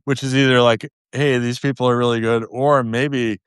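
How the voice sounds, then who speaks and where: This studio-quality recording is clean and echo-free, capturing a man's medium-pitched voice with a flat delivery at a moderate pace. A game designer appearing as a podcast guest, he keeps the interview chat casual, pokes fun at himself, and laughs a lot.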